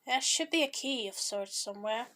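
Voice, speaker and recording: A woman's voice: on the high side, expressive, normal speed, bright, forceful tone. A woman reading aloud and voicing a clever, earnest teenage boy alchemist, close to her own voice.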